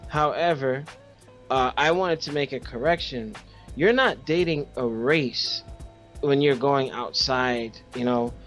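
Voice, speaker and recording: A Haitian man co-hosts a podcast, speaking casually at a middling pitch with a slightly bright voice. He tells personal stories haltingly, doubling back on words to stress them, while faint music plays behind him.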